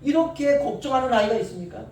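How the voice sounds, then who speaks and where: Guy pastor preaching, goes soft then loud and stretched out, echoey church, mic kinda far off. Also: very high voice, animated. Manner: swings between soft asides and loud drawn-out calls. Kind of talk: sermon. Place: church sanctuary.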